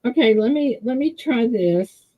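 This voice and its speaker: A woman chats slowly and ramblingly on a video call. Her voice comes through muffled and dull, as if heard through a wall. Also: a little high, lively intonation. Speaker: livestream co-host. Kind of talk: casual chat on a video call. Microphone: computer mic on a video call.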